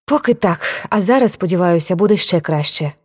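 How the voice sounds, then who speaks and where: A woman's voice: lowish voice, animated, brisk, darkish tone, slightly rough. Woman voicing a brusque, mocking young woman. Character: sharp, impatient young woman.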